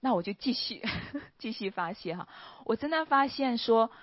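A woman giving an earnest personal testimony at church, speaking with soft pauses and a trailing "ha" particle. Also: fairly high pitch, animated, dry recording. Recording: dull, slightly lo-fi, dry recording.

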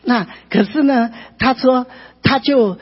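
Woman preacher, fairly high and very breathy voice; emphatic storyteller; dull recording in a big echoing hall. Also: slow pace. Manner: animated, emphatic storytelling with frequent tag particles. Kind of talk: emotional sermon testimony.

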